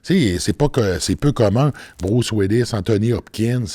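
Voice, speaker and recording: A man with a Québécois French accent hosting a casual interview, asking questions in a relaxed, conversational way. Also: fairly low pitch, normal speed, no echo, clean studio sound. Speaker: podcast host.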